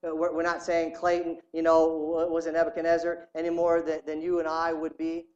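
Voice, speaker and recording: Pastor, male, earnest sermon delivery, a bit high-pitched, lo-fi sound. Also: completely flat delivery, fairly quick, a little mellow. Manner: reads a story aloud with rising intensity, earnest.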